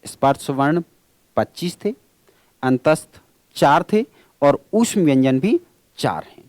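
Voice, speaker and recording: A man delivers an exam-prep grammar lecture in a slightly high voice. He keeps asking his class questions and answering them himself, and he calls his listeners friends. The recording is close and dry. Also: expressive, takes it slowly, a little mellow, no room sound. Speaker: teacher.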